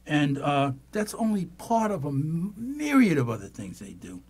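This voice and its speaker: Speaking into a studio mic on a boom, this older radio host muses at length on his talk show from a small studio. His somewhat high voice has a sing-song lilt, a darkish, slightly rough tone, and a normal speed, and he comes across as musing and speechifying.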